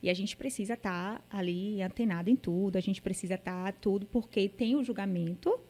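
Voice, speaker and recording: A Brazilian woman hosting a casual podcast conversation. She speaks with a warm, mellow tone, searching for words as she thinks aloud and checking in with her guest often. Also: medium pitch, normal speed. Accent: Brazilian Portuguese. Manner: hesitant, thinking aloud, many tag questions. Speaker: podcast host.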